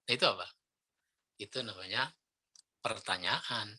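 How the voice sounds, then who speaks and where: A middle-aged man lecturing on preaching technique, lively and demonstrating intonation with spoken examples. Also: fairly low pitch, unhurried, husky. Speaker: Islamic preacher trainer.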